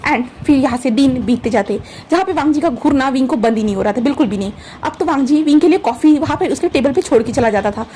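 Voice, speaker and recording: A woman telling a fan fiction story in a casual, chatty way, talking straight to her listeners. Her voice is high and mellow, and she narrates at a quick clip. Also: animated, slight background noise. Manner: chatty, addresses listeners as "bhai".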